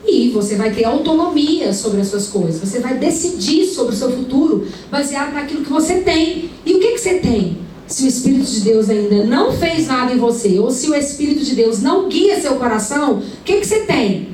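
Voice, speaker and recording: A woman's voice: high-pitched, animated, fairly quick, few pauses, a little mellow. A young adult woman from preaching a sermon in a conversational storytelling manner, full of rhetorical questions. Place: large indoor event hall. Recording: echoey hall, mic far away, faint room noise.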